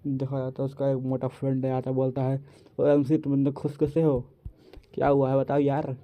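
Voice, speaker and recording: Guy recapping a comic, rambly, dark mellow voice, pretty flat. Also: mid-range voice, normal speed. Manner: loose, rambling retelling with fillers and restarts. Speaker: manhwa recap narrator. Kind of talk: casual story recap narration.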